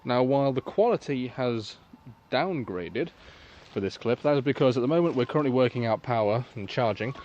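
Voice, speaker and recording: A man's voice: medium pitch, lively intonation, fairly quick, a little mellow, lo-fi sound. A young man, filming himself outdoors on a phone while exploring a cold abandoned building, swearing and joking drily. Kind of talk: casual vlog chat. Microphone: phone camera.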